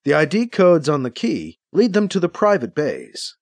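A man reading scripted audiobook narration of a science-fiction story in a steady, storytelling manner. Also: on the high side, moderate pace, dry recording.

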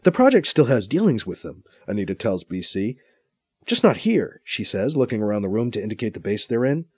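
A man voicing a sharp-tongued, no-nonsense female scientist in an audiobook, brisk and dismissive. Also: lowish voice, very animated, husky, no room sound, clean studio sound. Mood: matter-of-fact.

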